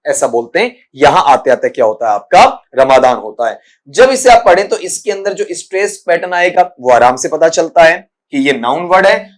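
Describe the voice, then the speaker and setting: A man from India teaching an exam prep English lesson. He repeats words slowly and calls his students "beta". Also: on the high side.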